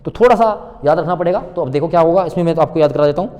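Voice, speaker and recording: Male tutor, high voice, drills and repeats, echoey reverberant room. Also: a little mellow. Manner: repetitive, drilling sounds aloud with quick rhetorical questions. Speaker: teacher. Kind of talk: online exam-prep lecture.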